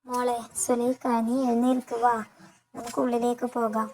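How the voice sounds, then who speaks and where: A woman voicing a caring elder sister figure who consoles gently but firmly. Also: a little high, monotone, normal speed, a little hiss or hum, lightly acted, rough recording. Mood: consoling. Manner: soothing yet firm.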